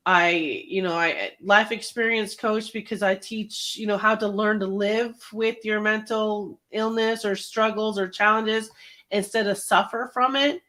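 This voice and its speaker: A woman's voice: medium pitch, fairly even intonation, measured pace, bright, forceful tone. A woman veteran and life coach, talking earnestly in an interview, laughing often and restarting her sentences. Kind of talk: casual interview talk.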